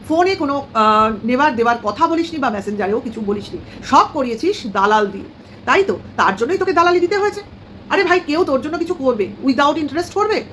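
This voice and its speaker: A woman with a Bengali accent rattles off a sarcastic, scolding commentary at a quick clip. Her voice sits high and sharp. A faint room hum runs underneath. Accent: Bengali, Kolkata area. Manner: scolding, sarcastic, addresses the target directly with informal "tui". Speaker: vlogger commenting on another creator. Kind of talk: heated commentary monologue.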